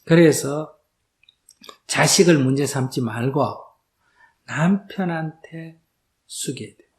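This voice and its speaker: In a lecture hall, a monk with a slow, somewhat high voice answers questions during a dharma talk. Along the way he throws out rhetorical questions and acts out quoted exchanges for his listeners.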